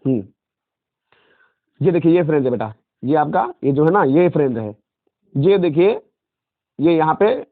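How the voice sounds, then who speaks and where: Male teacher, slow repeated explanations, addresses students as beta, slightly high voice, dry close sound. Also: animated, no room sound. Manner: reads English lines slowly, then explains them in Hindi, repeating phrases; calls students "beta" and "friends". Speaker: English teacher. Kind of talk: line-by-line lesson explanation. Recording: tinny phone-like audio, dry.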